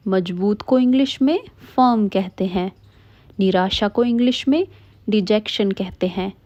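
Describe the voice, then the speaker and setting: A woman teaching English vocabulary in Hindi, slowly drilling one word at a time. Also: medium pitch, warm tone. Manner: slow, clear word-by-word drilling. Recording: dull lo-fi audio with faint music.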